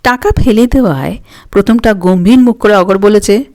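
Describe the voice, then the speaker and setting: A woman with a Bengali accent narrating a short story in a calm, even reading voice. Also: medium pitch, moderate pace, no room sound, studio quality.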